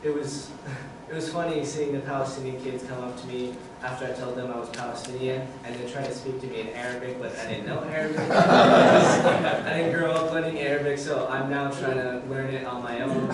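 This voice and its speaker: Teen guy, reflective testimony, mid-pitched, distant echoey hall with clear room noise. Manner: relaxed, reflective, with fillers. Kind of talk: personal testimony at forum. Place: large church hall with audience. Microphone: far camera, no mic.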